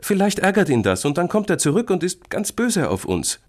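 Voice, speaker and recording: A man voicing a small, stubborn, easily scared boy in a children's story, high and whiny. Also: very animated, normal speed, darkish tone. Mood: anxious.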